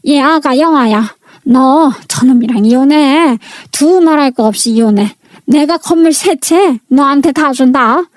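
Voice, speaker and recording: A woman's voice: sits high, measured pace, dry recording, clean studio sound. Woman doing a furious old mother-in-law. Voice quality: scolding, blunt. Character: furious elderly mother-in-law, scolding and domineering.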